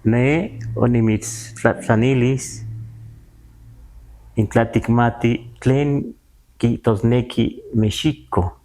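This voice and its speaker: A man interviewing a guest and asking his questions in measured, deliberate phrases. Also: medium pitch, fairly even intonation, warm tone. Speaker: interviewer and language teacher.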